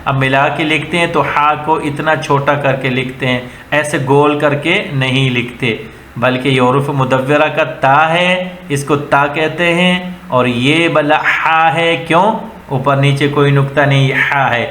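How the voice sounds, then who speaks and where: Man, Pakistani accent, patient reading teacher, repetitive drilling, bright tone, echoey room. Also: medium pitch, steady tone. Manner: patient, repetitive, drills letters one at a time. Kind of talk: slow word-by-word teaching. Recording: echoey room with faint ambient noise.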